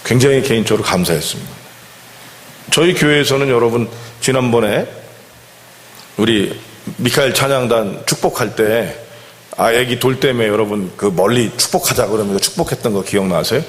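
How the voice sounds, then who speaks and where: A man preaches from the pulpit in a relaxed, talking-it-through way. He keeps turning to the congregation with questions, and his voice sits at a middle pitch. A long reverb from the church sanctuary trails after every phrase. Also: normal speed, slight background noise. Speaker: senior pastor. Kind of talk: sermon.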